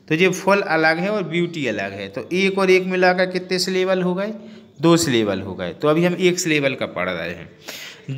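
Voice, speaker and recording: High-voiced man explaining a lesson. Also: fairly bright tone. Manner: explains slowly, repeating terms and asking questions; mixes English words into his Hindi. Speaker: teacher. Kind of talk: online grammar lesson.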